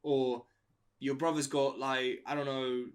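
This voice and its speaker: A man's voice: mid-range voice, level tone, measured pace. Guy co-hosting a podcast, blunt and opinionated, talks it through casual. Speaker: podcast co-host. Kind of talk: casual advice chat.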